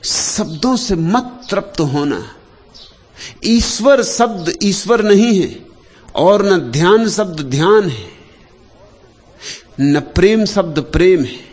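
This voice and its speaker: A man with a fairly high voice delivers a spiritual discourse at a very slow, deliberate pace. His pitch swings widely, sinking to hushed low phrases and climbing to loud emphatic ones, with long pauses between short lines. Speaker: spiritual teacher.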